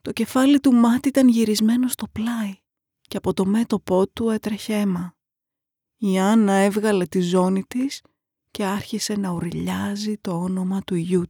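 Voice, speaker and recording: A woman narrating a horror story in a hushed, dramatic, often half-whispered way. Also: mid-range voice, breathy edge, no echo, studio quality.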